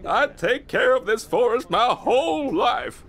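High-pitched indignant bear ghost. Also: male voice, animated, a little slow, a bit bright, husky, exaggerated voice. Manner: indignant, grumbling. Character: aggrieved, grumpy male bear ghost.

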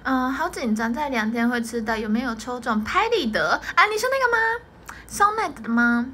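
Bright high-voiced Taiwanese young woman. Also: expressive, normal speed, a little hiss or hum. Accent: Taiwanese Mandarin. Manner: chatty, answers viewer comments, mimics clicking sounds, laughs often. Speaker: idol group member livestreaming. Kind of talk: casual livestream chat.

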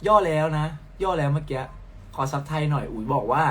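A man's voice: on the high side, expressive, quick pace, a bit bright, husky. A young man from Thailand, a singer, chatting casually and playfully with fans at home while reading out their comments on a phone live stream. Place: at home, in sleepwear.

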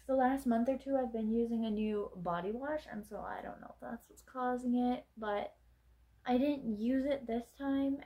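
A woman's voice: fairly high pitch, a little mellow. Young woman, casual vlog chat, rambling, lots of fillers, self-mocking. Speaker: vlogger.

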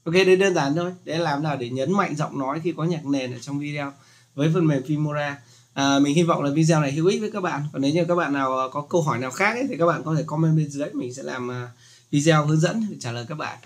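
Guy walking thru a software tutorial, chatty, voice sits a bit high. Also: fast. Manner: chatty, joking, loose explanatory talk. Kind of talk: casual screen-recorded tutorial.

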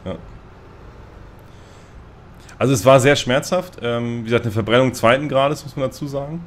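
A man's voice: medium pitch, moderate pace. A man casually telling a rambling, self-mocking story in a group voice chat, often laughing at himself. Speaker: gamer on a multiplayer voice chat.

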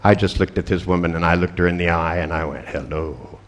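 An older man lecturing to a seminar audience in a deep, low voice. He tells stories with dry, sardonic humour and drops casual profanity into his asides. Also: level tone, quick pace. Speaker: seminar presenter. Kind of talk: storytelling lecture.

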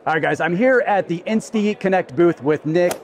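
A man in his thirties with a high, darkish voice and a moderate pace hosts a casual product interview as a video host talking with exhibitors. Enthusiastic and agreeable, he works the booths of a busy indoor expo hall.

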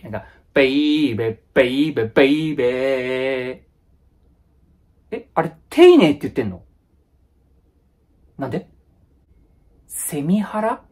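A man with a husky, breathy edge to his voice talks through a comic skit, firing off blunt, rough-edged casual retorts. His pitch leaps and dives constantly. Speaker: comedy YouTuber. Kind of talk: comedic solo skit.

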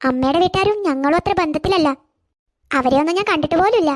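A woman's voice: high voice, quick pace, lightly acted. A woman voicing a poor, timid cartoon schoolgirl who talks meekly and stammers. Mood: quiet. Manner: meek, stammering, tearful. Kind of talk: cartoon voice acting.

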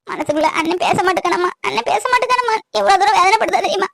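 A woman's voice: extremely high pitch, quick pace, creaky, a little hiss or hum, heavily acted. A woman voicing an aging mother in a cartoon who tenderly pleads with her grown son to forgive his sister. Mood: pleading. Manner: tender, pleading, scolding gently. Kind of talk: cartoon voice acting.

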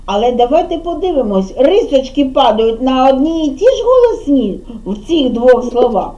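A woman teaching a preschool class, with a gentle, drawn-out sing-song manner and a Ukrainian accent. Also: sits high, very animated, highs cut off. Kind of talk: preschool lesson with children. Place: kindergarten classroom.

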